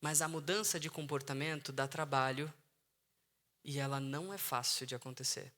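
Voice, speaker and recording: Bright-voiced Brazilian psychologist man. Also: mid-range voice, fairly even intonation, normal speed. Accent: Brazilian Portuguese. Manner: earnest, repeats key phrases for emphasis. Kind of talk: emotional intelligence talk to an online audience. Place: outdoors in the sun.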